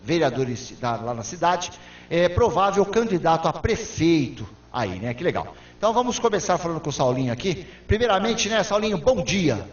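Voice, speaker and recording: A male interviewer with a notably high voice asks his questions in an upbeat, brisk manner. He sounds far from the mic in an echoey room. The recording is dull and lo-fi. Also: big pitch swings. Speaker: TV interviewer host. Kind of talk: local TV interview. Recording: roomy, distant, dull lo-fi sound.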